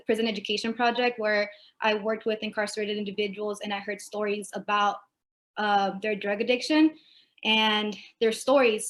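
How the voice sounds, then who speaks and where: A woman's voice: medium pitch, fairly bright tone. A woman panelist answering a question on a video call, talking conversationally with many "um"s and "like"s. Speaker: panelist, first-generation student.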